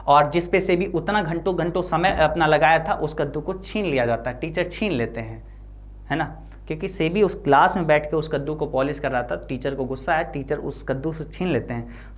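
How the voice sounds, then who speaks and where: A woman explaining an English lesson line by line, reading English slowly and explaining in with frequent tag questions. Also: sits low. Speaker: teacher.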